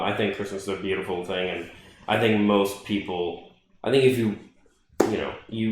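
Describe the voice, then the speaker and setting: A man's voice: sits low, a bit bright, heavy reverb, poor audio. A man co-hosting a podcast in casual chat, rambling with lots of fillers and restarts, swearing now and then. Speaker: podcast co-host.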